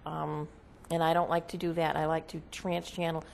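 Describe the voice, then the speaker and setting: A woman speaking as a seance medium, casually explaining her trance channeling in an interview, halting and often checking with "okay?". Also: deep voice, flat delivery, gravelly, slight background noise.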